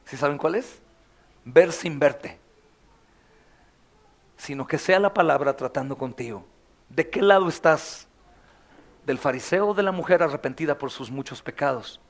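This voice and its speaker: A male pastor with a Mexican Spanish accent preaching a sermon, swinging from hushed to loud and acting out quoted voices and prayers. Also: a little high, animated, unhurried, pauses often.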